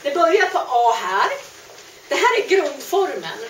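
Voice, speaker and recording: A woman teaching French grammar, explaining patiently and repeating each word slowly. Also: sits high, very animated, a little hiss or hum. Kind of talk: grammar lesson. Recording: echoey room, mic at a distance.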